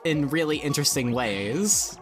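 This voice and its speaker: A man's voice: on the high side, lively intonation, normal speed. A man giving casual, informal game commentary among friends, explaining things as he goes. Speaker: let's play co-host guiding the game. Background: video game music.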